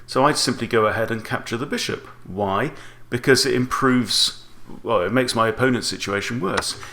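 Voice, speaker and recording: A man's voice: medium pitch, normal speed, pushed and bright, a little hiss or hum. A man in his forties giving explanatory chess commentary as an instructor, talking through options with rhetorical questions.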